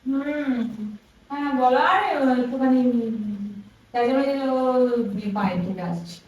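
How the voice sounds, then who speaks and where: A young woman with a high voice talks chattily and teasingly, her voice pushing back sharply when questioned. She is recorded from across a very echoey room, with a faint hiss underneath. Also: expressive, measured pace, recorded from a distance, muffled recording. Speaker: vlogger pranking her husband. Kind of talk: casual vlog chat and staged phone call.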